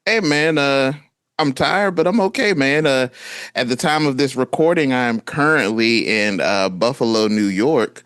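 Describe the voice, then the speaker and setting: A man in his thirties co-hosting a podcast, telling a story in a lively, casual way and acting out what people said. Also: medium pitch, a little slow, clean tone, no echo. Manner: animated storytelling, acts out quotes. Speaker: podcast co-host. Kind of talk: casual chat.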